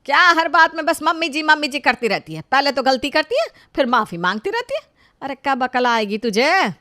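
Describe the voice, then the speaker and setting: Bossy older mother-in-law, loud and harsh when she scolds, voiced by a woman, a bit high, storybook cartoon. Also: expressive, normal speed, no room sound, clean studio sound. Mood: scolding.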